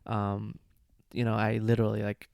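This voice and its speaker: A man raised in Jamaica, co-hosting a casual podcast chat, relaxed and quick to agree. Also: lowish voice, gravelly, no echo, clean studio sound. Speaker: podcast co-host.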